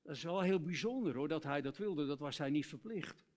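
A male preacher giving an earnest sermon, reciting hymn lyrics and dropping to soft, tender tones. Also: fairly high pitch, lively intonation, fairly quick.

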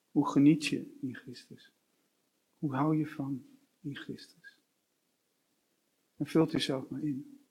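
A man's voice: fairly high pitch, vocal fry, dark tone, slightly rough. A man preaching a sermon, working through long runs of short rhetorical questions. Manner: slow, with repeated rhetorical questions.

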